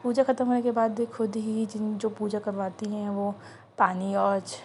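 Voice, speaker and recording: A woman's voice: medium pitch, flat delivery, moderate pace, mellow, a little hiss or hum. A young woman vlogger who chattily explains the steps of a home puja ceremony, speaking into her phone at an indoor gathering. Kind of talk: casual vlog narration.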